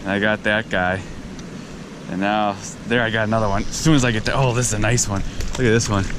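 A man giving excited, chatty commentary while fishing from a riverbank, talking straight to his viewers. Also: on the low side, fairly quick. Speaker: fishing video host. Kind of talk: casual on-the-spot fishing commentary. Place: outdoors on a riverbank and fallen tree. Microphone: head or chest-mounted action camera. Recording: outdoor camera mic with river and wind noise.

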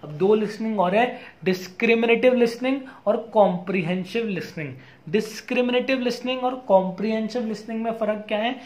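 A young adult man teaching an exam-prep lecture in a casual mix of Hindi and English, reading out English definitions slowly. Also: high voice.

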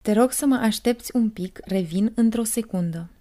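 A woman reading short phrases clearly and carefully for learners, saying each one several times. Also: a little high, dark tone. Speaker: language teacher.

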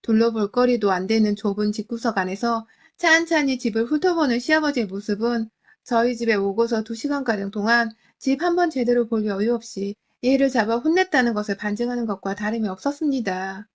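A woman tells a scripted first-person family story in an emotional, confiding manner. Her voice sits a little high for a woman. The delivery stays close and storyteller-like. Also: lively intonation, brisk. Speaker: story narrator. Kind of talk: scripted dramatic storytelling narration.

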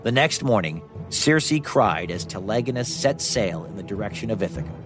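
Here a podcast host and storyteller reads a scripted children's myth, dramatic but still conversational. His lowish voice is expressive and moves at a moderate pace over music in a dry studio recording.

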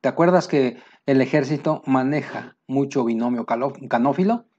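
A man with a Mexican Spanish accent teaching military vocabulary, pausing to say each English term slowly and plainly. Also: medium pitch, darkish tone, breathy edge, highs cut off. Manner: explains terms, slows down for English words. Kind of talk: vocabulary lesson.

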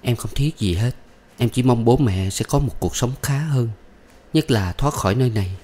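A man voicing a sorrowful young woman who talks softly and bitterly. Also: medium pitch, normal speed, voice pushed up, close to an everyday voice. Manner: soft, bitter.

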